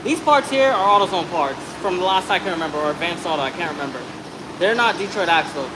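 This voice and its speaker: A man's voice: sits high, expressive, quick pace, background noise. A man in his thirties, an auto mechanic talking casually and ramblingly through a brake job in a shop, swearing now and then. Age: 30s. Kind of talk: casual how-to narration while working. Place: auto shop with a truck on a hoist.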